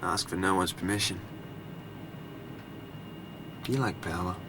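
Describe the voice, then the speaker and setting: A brooding pilot over engine hum. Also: male voice, unhurried, a bit bright. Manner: low, brooding, teasing. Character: confident man pilot, brooding, power-loving. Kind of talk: daytime soap acting.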